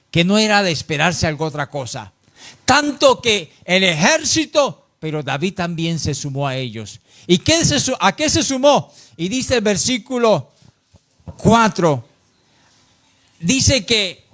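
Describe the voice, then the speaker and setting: A man's voice: high voice, a bit bright. A man preaching a sermon in church, emphatic and repetitive, often addressing his listeners as brother. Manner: emphatic, repeats phrases, addresses "hermano".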